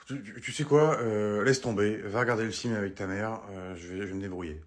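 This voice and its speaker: A man's voice: lowish voice, brisk. A man acting in comedy sketches, sounding exasperated and swearing often.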